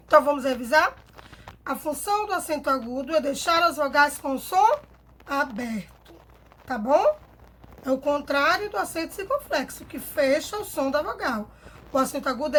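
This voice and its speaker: A woman teacher with a Brazilian Portuguese accent, explaining grammar slowly and clearly to children, checking in with them often. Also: high-pitched, a bit bright. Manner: patient, slow and clear, ends phrases with "tá?". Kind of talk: recorded grammar lesson for children.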